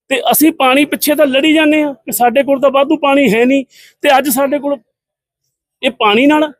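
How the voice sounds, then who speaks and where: A man's voice: extremely high pitch, no echo. A middle-aged man giving a combative, scornful press statement full of rhetorical questions. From Punjab, India. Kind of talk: impassioned political statement to press.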